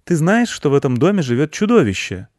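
Male reader voicing a pushy little girl, storybook; high, insistent, close dry sound. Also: big pitch swings, darkish tone, no echo. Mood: lively. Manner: brisk, insistent. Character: bossy energetic little girl. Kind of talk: audiobook character voice.

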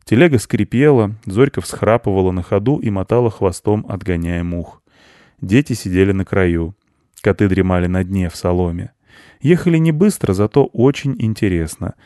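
A man with a lowish voice narrates a children's storybook in a calm, even telling. The recording is dry and close, with no room sound. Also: normal speed, dry recording. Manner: calm storytelling, plain farmer voice for dialogue.

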